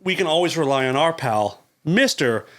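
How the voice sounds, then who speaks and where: A man's voice: medium pitch, animated, quick pace. A man hosting a podcast in casual chat, teasing his guest in a blunt, joking, profane way. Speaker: podcast host.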